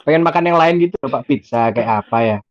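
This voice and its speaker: A younger man, deferential and quick to laugh, playing along in a comedy skit. His voice sits at a middle pitch. The recording is dry and slightly muffled, with a lo-fi dullness. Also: expressive, dry recording. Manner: deferential, laughing, says "Pak" often. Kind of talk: improvised comedic banter.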